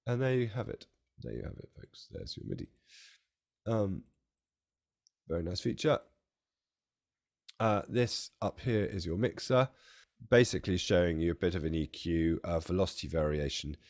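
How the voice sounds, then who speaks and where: A man demonstrating music software from a home studio, his voice strained and close to giving out, chatty and self-deprecating with jokey asides. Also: deep voice, lively intonation, moderate pace, pauses often. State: strained, nearly losing his voice. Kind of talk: casual product walkthrough.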